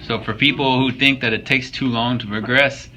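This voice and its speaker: Bright-voiced young man joking over gym clips. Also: medium pitch, fairly even intonation, normal speed, slight background noise, poor audio. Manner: joking, profane, coaching tone. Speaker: fitness vlogger. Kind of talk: casual workout commentary over gym footage.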